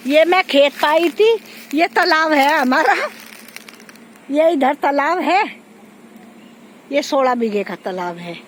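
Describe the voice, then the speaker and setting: Pausing often and taking her time, a woman with a high, animated voice walks her farm and casually points things out to viewers. She's a village vlogger making a walking-tour vlog, recorded on a phone outdoors in low quality with faint outdoor noise.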